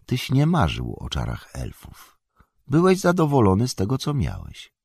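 A man voicing an ancient elven queen who is calm, wise and gentle, giving measured, solemn counsel. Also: medium pitch, gravelly, slightly rough, no room sound, studio quality, voice pushed up, exaggerated voice. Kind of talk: audiobook character voice.

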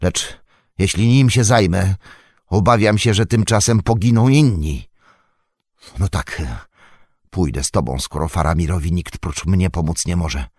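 A man's voice: deep voice, unhurried, pauses often, darkish tone, no echo, studio quality. Gandalf, a man doing a stern old wizard. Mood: grave. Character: stern old male wizard, grave and commanding.

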